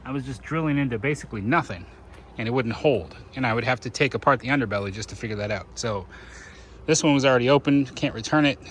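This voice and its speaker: A man with a mid-pitched voice chats informally, as if filming his own vlog. He thinks aloud and narrates chores as he goes. Faint ambient noise sits behind his voice. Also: fast. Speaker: RV living vlogger. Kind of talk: casual first-person vlog chat while doing chores.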